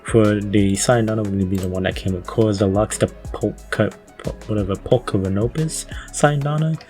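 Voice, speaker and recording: A man narrates gameplay in a relaxed, offhand voice-over, his voice sitting a little low. He drifts through fillers and the occasional swear as he goes. Quiet music runs faintly underneath. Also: fairly quick. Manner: laid-back, loose, with frequent fillers and the odd swear. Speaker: gaming video creator. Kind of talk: casual voice-over walkthrough.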